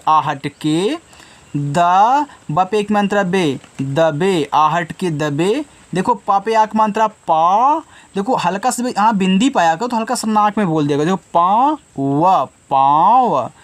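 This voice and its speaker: A man teaching children to read, slowly sounding out each syllable and then saying the whole word. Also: sits high, lively intonation. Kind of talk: slow Hindi reading lesson for children.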